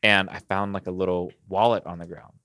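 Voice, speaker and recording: A young man co-hosting a casual podcast chat, telling stories in an animated way with lots of fillers. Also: low-pitched, fairly quick, no room sound, studio quality. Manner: animated storyteller, many fillers. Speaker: podcast co-host.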